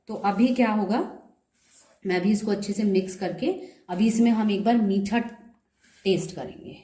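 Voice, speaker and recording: A woman's voice: mid-range voice, darkish tone. Chatty woman teaching home cooking. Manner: chatty, explains step by step, mixes in English words. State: slightly sore throat. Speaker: cooking video host. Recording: echoey room.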